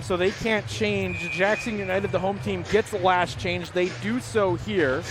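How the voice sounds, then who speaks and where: Male play-by-play caller, higher voice, noisy rink broadcast feed. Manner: rapid play calls, rising to shouts on shots. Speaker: play-by-play announcer. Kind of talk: live hockey play-by-play commentary. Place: ice rink press area.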